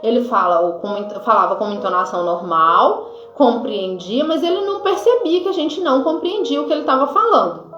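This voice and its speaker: A woman nurse with a Brazilian accent gives an informal health lesson, with many fillers and pauses to check her notes. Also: fairly high pitch, expressive, a bit bright. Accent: Brazilian Portuguese. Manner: informal teaching, frequent fillers like "né" and "tá"; reads from notes at times. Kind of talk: explanatory health lesson to camera. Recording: echoey room, dull lo-fi sound, faint music.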